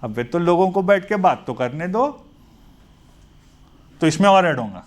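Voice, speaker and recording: Indian man, lecturer, unhurried, pitched a bit high, chatty and jokey, dictates English lines slowly in a classroom. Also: animated. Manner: chatty, jokey, switches between Hindi and English, slows down to dictate English phrases. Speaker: teacher.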